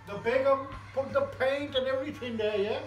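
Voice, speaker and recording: His voice is very high and his pace moderate as this Punjabi-accented home cook chats away in a small kitchen at home. The casual cooking vlog is rambling and jokey, with mixed languages throughout. It sounds echoey, captured by a camera about arm's length to a metre off.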